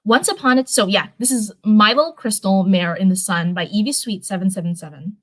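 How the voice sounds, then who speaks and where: Her voice medium-pitched, fairly quick, and fairly bright, a young woman runs a casual livestream where she reads stories aloud from fan fiction. She rambles informally between passages and regularly corrects herself mid-thought.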